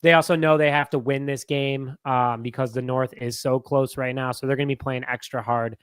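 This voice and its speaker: A man's voice: medium pitch, steady tone, fairly quick, smooth, no echo, clean studio sound. A man giving casual, confident game predictions on a sports talk roundtable. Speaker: panelist.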